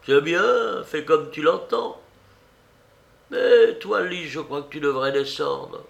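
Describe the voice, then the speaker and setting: A man's voice: fairly high pitch, slow, gravelly, muffled recording, voice pushed up, exaggerated voice. A man voicing an elderly aunt in an audiobook, fussy and shrewd, with a quavering sing-song manner. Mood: fretful.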